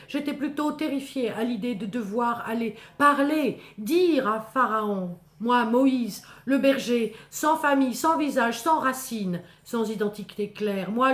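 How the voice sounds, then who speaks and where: A woman's voice: mid-range voice, close to an everyday voice. A woman voicing Moses, a humble, fearful shepherd, in intense, theatrical first-person biblical storytelling. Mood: anguished. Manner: theatrical, intense, measured short phrases. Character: Moses, terrified humble male shepherd telling his encounter. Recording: echoing, reverberant voice recording.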